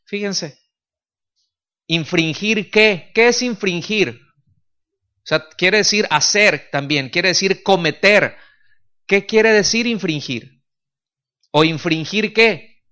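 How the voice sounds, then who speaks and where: A man's voice: high voice, animated, slow, long pauses, pushed and bright, smooth. A male pastor preaching a teaching sermon, explaining step by step and often checking that listeners follow. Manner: explanatory, checks understanding with frequent questions. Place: church.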